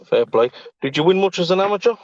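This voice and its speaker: A man's voice: high voice, lively intonation, fast talker, dry recording. Male podcast host, easygoing chat, dry and slightly dull call audio. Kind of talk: casual chat.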